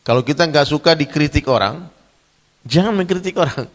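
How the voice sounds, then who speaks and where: A man preaching a sermon in a mosque, animated, often clearing his throat and addressing listeners directly. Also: fairly high pitch, in a large hall. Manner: animated, addresses listeners as Pak, acts out quoted voices. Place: mosque hall.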